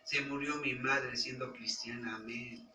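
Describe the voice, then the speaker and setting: A man with a Mexican Spanish accent preaching a sermon as pastor, his voice moving between soft, near-whispered asides and loud, high outcries. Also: fairly even intonation, a little slow, slight background noise. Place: church hall. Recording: echoey church room, mic at a distance.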